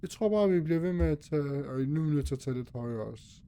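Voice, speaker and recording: A man's voice: fairly high pitch, expressive, mellow, slight background noise. A young man nervously commentating a horror game, talking to himself and his viewers as he gets scared. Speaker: gaming youtuber.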